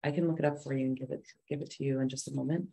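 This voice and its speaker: A man's voice: mid-range voice, steady tone, very fast, creaky, dark tone, low-quality recording. A man at a committee meeting, practically explaining the application procedure to a newcomer with frequent fillers. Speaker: committee member.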